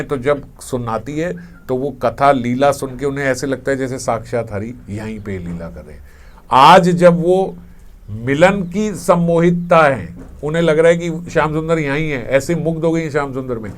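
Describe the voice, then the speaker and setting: A man giving a devotional scripture discourse, telling a sacred story in a gentle, storytelling way with frequent shifts in loudness. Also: medium pitch, a little hiss or hum. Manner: gentle, storytelling, varies volume often. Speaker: spiritual teacher.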